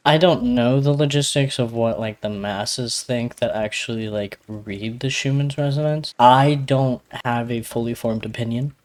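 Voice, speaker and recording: Guy w a slight lisp rambling on a podcast, lots of um and like, middle pitch. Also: normal speed, few pauses. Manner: rambling, hedging explanations with many fillers. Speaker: podcast co-host. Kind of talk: casual podcast chat.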